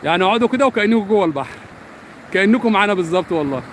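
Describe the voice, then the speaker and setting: An Egyptian man streams from the beach on his phone, talking to his viewers in a rapid, chatty stream. His voice sits high for a man, and he keeps swearing by God as he goes. Strong wind noise buffets the phone mic. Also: expressive. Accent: Egyptian Arabic. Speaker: vlogger. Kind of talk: casual live-stream chat to viewers.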